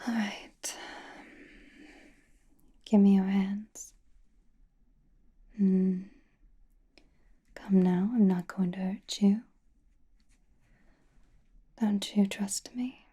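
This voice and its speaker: A woman voicing a powerful, mysterious witch in a slow, breathy, intimate ASMR whisper, gently teasing and soothing. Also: medium pitch, fairly even intonation. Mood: soothing, coaxing.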